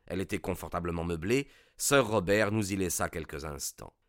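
Low-voiced male story narrator. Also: fairly quick, no echo, studio quality. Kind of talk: scripted narration of a detective story.

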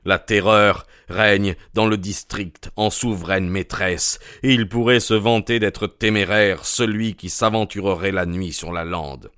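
Man voicing a grave, reluctant country doctor in an audiobook; low, slow, smooth, earnest. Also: fairly even intonation, a bit bright, dry recording, clean studio sound. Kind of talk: audiobook character reading.

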